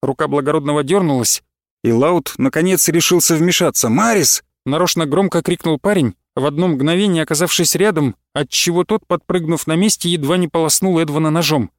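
A man reading a fantasy novel aloud in a measured pace, slowing down for tense moments, on a close studio mic. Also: fairly high pitch, no echo. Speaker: audiobook narrator. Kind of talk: scripted fantasy narration.

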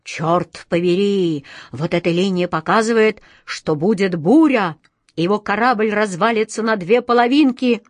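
A woman's voice: mid-range voice, unhurried, no room sound, natural voice. A woman voicing a greedy old fortune-teller who fawns and wails over her predictions, storybook style. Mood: wailing. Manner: wailing, fawning and sly.

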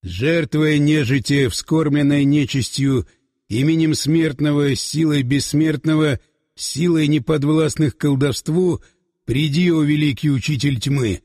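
A man voicing a husky, fanatical sorcerer. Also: on the high side, a little mellow, studio quality. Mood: chanting. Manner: slow grandiose incantation. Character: fanatical male sorcerer summoning dark master. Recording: long reverb tail.

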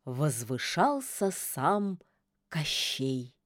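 A woman reading a fairy-tale audiobook in a measured storytelling voice. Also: sits low, big pitch swings, no room sound, studio quality. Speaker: narrator.

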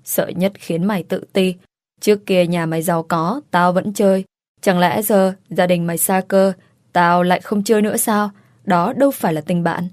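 A woman's voice: on the low side, fairly even intonation, moderate pace, darkish tone, no echo, clean studio sound, close to an everyday voice. Woman reading as a blunt young woman friend. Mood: teasing. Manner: brash, teasing, crude slang.

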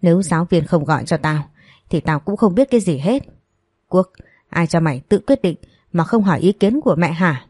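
A woman voicing a furious, abusive middle-aged mother who screams insults and scolds in an audio story. Her voice is low and dark. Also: lively intonation, normal speed, slightly rough, no echo, studio quality. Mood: furious scolding.

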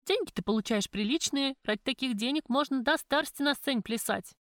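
A woman's voice: fairly quick, fairly bright tone, dry recording, clean studio sound. A woman doing a brash foul-mouthed girlfriend. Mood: chatty. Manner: blunt, mocking, raised pitch.

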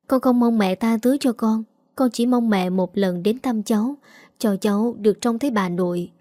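A woman voicing a young new mother who speaks softly and apologetically. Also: a little high, normal speed, dry recording, clean studio sound, natural voice. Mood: pleading. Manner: soft, apologetic.

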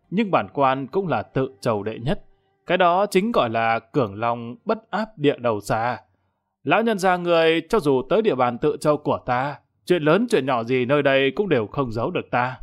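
A man's voice: mid-range voice, lively intonation, moderate pace, close to an everyday voice. A man voicing an arrogant, sneering corrupt magistrate in an audiobook, with theatrical menace. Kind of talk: audiobook character acting.

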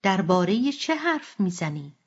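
Woman reading as caring young daughter, gentle reassuring tone, slightly higher voice, dull lo-fi audiobook sound. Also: very animated, husky.

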